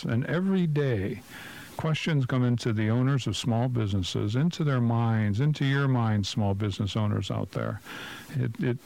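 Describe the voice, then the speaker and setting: Male radio co-host, medium pitch, blunt opinionated business coach thinking aloud. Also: a little mellow, low-quality recording. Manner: blunt, opinionated, asks rhetorical questions. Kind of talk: casual radio talk show commentary.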